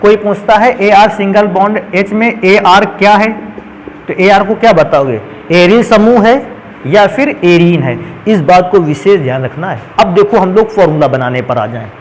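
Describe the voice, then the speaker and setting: A man's voice: sits high, moderate pace, a little hiss or hum, low-quality recording. A man teaching a chemistry lesson who keeps asking his students questions and answering them himself, speaking. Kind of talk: classroom lecture.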